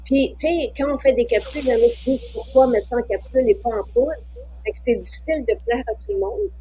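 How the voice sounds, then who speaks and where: A woman's voice: a little high, quick pace, warm tone, a little hiss or hum, poor audio. A woman with a Quebec French accent hosting a casual chat, chatty, sharing her own habits and reading out viewer questions. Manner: chatty, shares personal habits. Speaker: host of the show.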